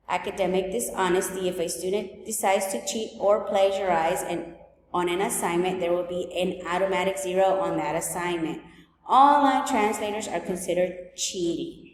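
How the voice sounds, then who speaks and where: A woman's voice: medium pitch, a little hiss or hum. Woman teacher from El Salvador, echoey room. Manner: clear, list-like walkthrough of class rules. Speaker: high school Spanish teacher. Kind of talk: recorded open house presentation. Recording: echoey room, long reverb.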